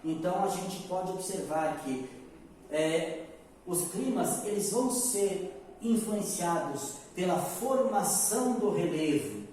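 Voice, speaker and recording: Brazilian teacher in an echoey room. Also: male voice, high voice, expressive, slow, dark tone, a little hiss or hum. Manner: explains step by step, often checks in with "tá, gente?". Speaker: geography teacher. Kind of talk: recorded geography lesson. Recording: echoey room, mic far off.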